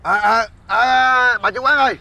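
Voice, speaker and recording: An actor playing a loud, panicky husband who is boss to his drinking friends, with an exclamatory way of talking. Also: high-pitched, fast talker, vocal fry, full character voice. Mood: panicked. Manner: excitable, exclamatory.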